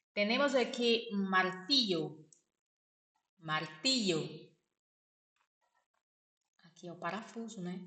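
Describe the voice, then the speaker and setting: A woman's voice: on the low side, a bit bright. Brazilian woman teaching in an echoey room. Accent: Brazilian Portuguese. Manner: repeats words slowly, asks "né?" often. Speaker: vlogger teaching vocabulary. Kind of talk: casual spoken lesson.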